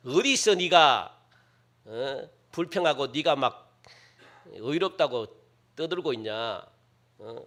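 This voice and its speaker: A middle-aged male pastor preaching with a high, bright voice that swings widely in pitch. He talks in a conversational, animated way, prodding the congregation with quick questions and acting out the people he quotes. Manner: lively, conversational preaching with frequent rhetorical "예?" and "어?"; acts out quoted speakers in shifting voices. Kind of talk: sermon.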